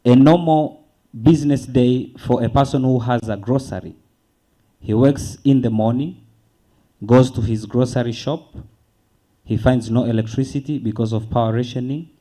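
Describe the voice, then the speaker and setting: A man from Tanzania, speaking earnestly on a conference panel, posing rhetorical questions and slowing to stress key words. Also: mid-range voice, mellow, rough recording.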